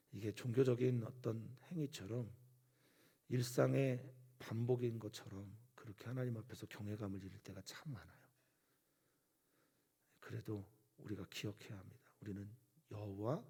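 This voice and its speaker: A man, a pastor, preaching an earnest dawn service sermon, often dropping to a soft whisper for emphasis. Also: lowish voice, breathy edge.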